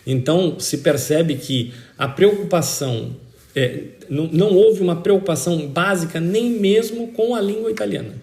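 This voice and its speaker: This citizenship expert, a Brazilian-accented man, speaks at normal speed in a high, creaky, slightly mellow voice. During the interview he lays out the law in a forceful, teacherly way, restating key points for emphasis. The room is echoey and spacious.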